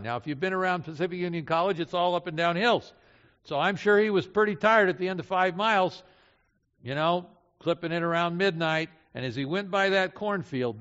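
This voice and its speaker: An older man preaching a sermon, telling a story with loud emphatic lines and hushed low ones. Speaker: pastor. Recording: dull sound in a reverberant hall.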